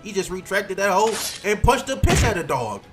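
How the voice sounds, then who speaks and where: A man's voice: sits high, big pitch swings, a little fast. A man in his twenties giving a joking, slang-heavy recap of fight scenes, full of hype and asides. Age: 20s. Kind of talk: comedic recap narration. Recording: music bed under voice.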